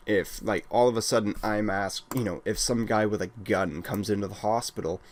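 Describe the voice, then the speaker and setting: A man's voice: fairly low pitch, steady tone, moderate pace, slight background noise. A young man from Wales ranting at home, blunt and exasperated, often restarting his sentences. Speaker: gaming channel host. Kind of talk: casual ranting monologue.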